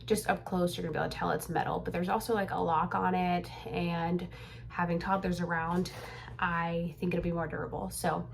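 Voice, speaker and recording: Her voice is lowish and gravelly, with little pitch movement and a normal speed, and there's slight background noise. The young crochet pattern designer rambles through a casual vlog from a room at home being cleared out, leaning on fillers and sounding slightly winded.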